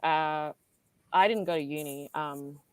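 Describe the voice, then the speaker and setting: A woman's voice: low voice, a little slow, clean tone, dry recording. A woman from Singapore, a guest writer in a conversational panel interview, talking casually with many fillers and asides.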